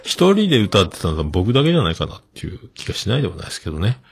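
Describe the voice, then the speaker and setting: Chatty low-voiced man hosting a podcast. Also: very animated, racing, vocal fry, breathy edge. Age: middle-aged. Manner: chatty, laughs often, swoops up into high falsetto when demonstrating singing. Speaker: podcast host reading listener messages. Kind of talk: casual solo podcast chat.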